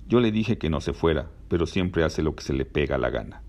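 A man's voice: very deep voice, expressive, fairly quick, a little mellow. A man voicing a bossy, scolding teenage girl, reading a novel aloud. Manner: scolding, nagging.

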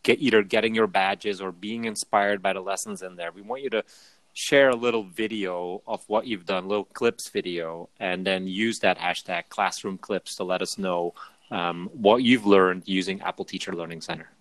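A man's voice: sits low, fairly even intonation, normal speed, a bit bright, dry recording, low-quality recording. A man co-hosting a show, talking in a casual chat with frequent hesitations. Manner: hesitant, many ums. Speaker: podcast co-host.

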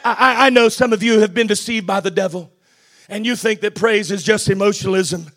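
A man preaching a Pentecostal-style church sermon in an impassioned, declamatory way, often shouting and repeating phrases for emphasis. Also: high voice, a little fast. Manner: emphatic repetition for effect.

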